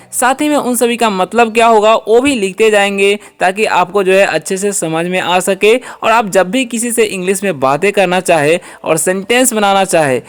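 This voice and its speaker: A man's voice: high voice, clear, resonant tone. A man teaching a beginners' spoken English lesson, explaining word by word and asking and answering his own questions. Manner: often adds "ठीक है" checks.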